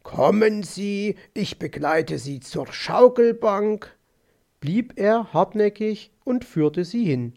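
A man's voice: high voice, animated, slow pace, vocal fry, darkish tone, heavily acted. A man voicing a smug, overly solicitous male fox who talks in a soothing, patronizing way. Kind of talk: audiobook character voice.

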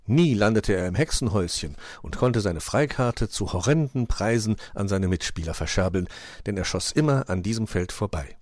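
A man calmly reading a storybook aloud as narrator. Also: fairly low pitch, normal speed, dry recording, studio quality.

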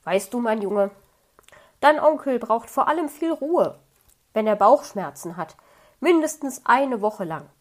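A crafty, grumpy fox uncle sulks and schemes in a read-aloud story, as a woman puts him on. His words come out grumbling and sly, cooking up excuses. The voice sits a little higher than most. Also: animated, unhurried, darkish tone. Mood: coaxing.

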